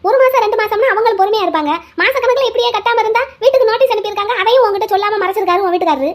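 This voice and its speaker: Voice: very high voice, very fast. A voice actor playing a stern older neighbour woman in a cartoon, who lectures and scolds. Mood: scolding. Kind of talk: cartoon voice acting.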